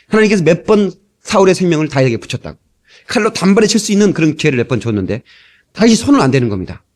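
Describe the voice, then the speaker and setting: A middle-aged man preaching a storytelling sermon, acting out the people he quotes, from an old cassette tape. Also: sits high. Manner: animated, acts out quoted people. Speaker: pastor.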